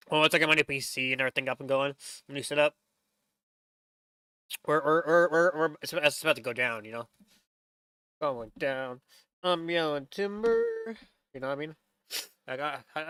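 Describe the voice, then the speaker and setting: Young male streamer, casual stammering commentary; bright and smooth, dry mic. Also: on the high side, dry recording. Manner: rambling, stammering, swearing.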